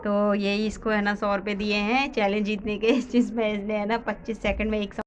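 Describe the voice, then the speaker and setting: A woman's voice: mid-range voice, flat delivery, brisk, slight background noise. A woman narrating a family vlog, walking through what happens step by step with lots of fillers. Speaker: family vlogger.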